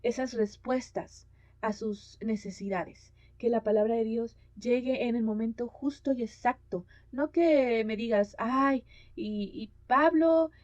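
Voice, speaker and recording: A woman's voice: fairly high pitch, steady tone, measured pace, warm tone, no room sound. A woman giving a conference talk on mission and culture, hesitant with many fillers as she reads Bible passages aloud. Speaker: conference speaker. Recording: dull lo-fi sound.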